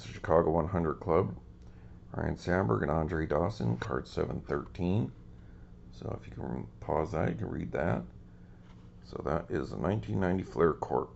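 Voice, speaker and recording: On a muffled recording, a card collecting channel host chats easygoingly through a show-and-tell of his cards, filling gaps with ums. His voice is low-pitched and gravelly with a darkish tone, a little scratchy today.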